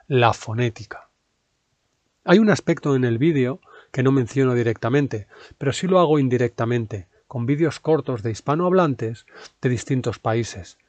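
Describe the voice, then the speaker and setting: Male Spanish teacher reading an article aloud: calm, measured, clear diction, mid-pitched, dry close sound. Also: no room sound.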